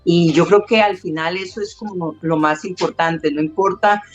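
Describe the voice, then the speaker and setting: A woman's voice: on the low side, fairly even intonation, moderate pace, faint music behind. Proud woman, lo-fi call. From United States, Costa Rican parents. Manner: warm, proud, chatty with many fillers. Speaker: guest. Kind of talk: casual interview conversation. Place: her home.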